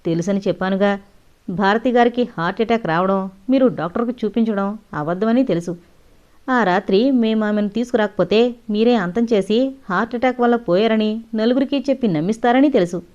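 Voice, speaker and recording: A woman's voice: mid-range voice, a little fast, darkish tone, close to an everyday voice. Woman doing a serious male doctor, firm and heated, muffled audio. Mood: stern. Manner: grave, firm. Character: male doctor, grave and stern. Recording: dull lo-fi audio.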